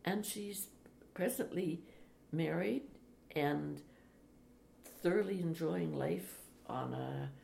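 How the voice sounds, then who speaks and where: An older woman, a retired teacher, speaking slowly and reflectively in an interview. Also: low-pitched, gravelly. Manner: slow, reflective, with soft laughs. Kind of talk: oral history interview. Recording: echoey room, faint hiss.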